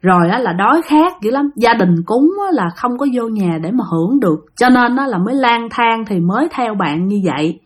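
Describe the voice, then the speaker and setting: Southern vietnamese woman telling a spooky story, talks right at her listeners, repeats herself a lot, kinda high voice. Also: animated, moderate pace, hardly any pauses. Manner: chatty, repetitive, addresses listeners directly. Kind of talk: spoken ghost story telling.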